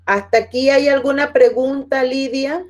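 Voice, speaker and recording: A woman's voice: sits high, fairly even intonation, normal speed. A woman teacher giving patient class instructions, repeating each point and speaking to her students by name. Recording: dull lo-fi audio.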